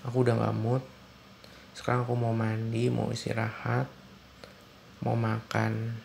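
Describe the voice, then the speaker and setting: A man's voice: lowish voice, monotone, unhurried, vocal fry, darkish tone, a little hiss or hum. A young man acting out a stern, controlling husband in an ASMR role-play, talking in a lecturing, repetitive way.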